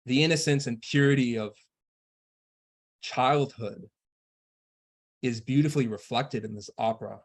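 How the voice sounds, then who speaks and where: A man delivering a spiritual lecture in a measured, earnest instructional manner. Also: medium pitch.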